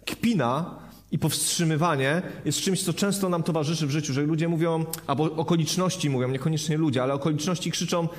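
A man's voice: fairly high pitch, a little fast. A man preaching a sermon, earnest, repeating phrases for emphasis and putting rhetorical questions to his listeners.

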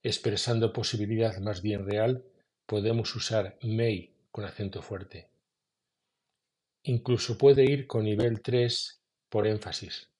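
Slow, husky-voiced male language teacher. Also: fairly low pitch, steady tone, darkish tone. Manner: slow, measured explanation, saying English examples slowly. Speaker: English teacher. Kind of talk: scripted podcast lesson.

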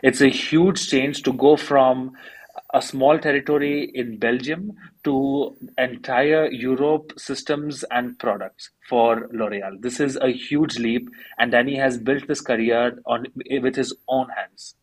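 Guy co-hosting a podcast, kinda raspy voice, friendly brisk intro. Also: mid-range voice, steady tone, rough recording. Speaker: podcast co-host.

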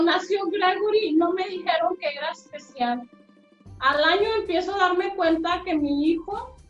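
A Mexican woman telling her life story earnestly as an interview guest, heard over a remote call. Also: very high voice. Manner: earnest, emotional retelling. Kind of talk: personal storytelling. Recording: echoey, dull remote call audio.

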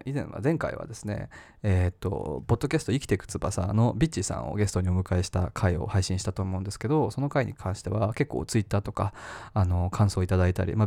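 A man's voice: low voice, gravelly, warm tone, no room sound. A man hosting a podcast on his own, rambling and self-mocking with lots of fillers. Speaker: podcast host. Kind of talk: casual solo podcast talk.

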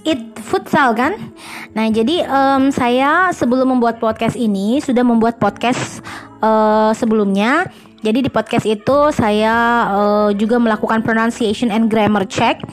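A woman teacher talks through her students' recordings on a podcast, patient and explanatory. Her voice sits somewhat high, and she often pauses on hesitant fillers as she explains. Faint music plays quietly behind her. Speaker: English teacher and podcast host.

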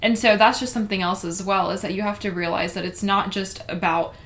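A woman's voice: medium pitch, fairly even intonation, a little fast, fairly bright tone. Earnest woman co-hosting a faith podcast. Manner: earnest, emphatic, conversational with frequent fillers. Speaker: podcast co-host. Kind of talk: casual faith discussion podcast.

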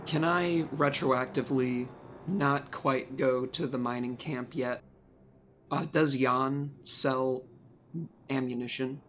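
A man's voice: medium pitch, fairly even intonation, takes it slowly, fairly bright tone, a little hiss or hum. A man playing a tabletop game, speaking hesitantly with many fillers. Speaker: player.

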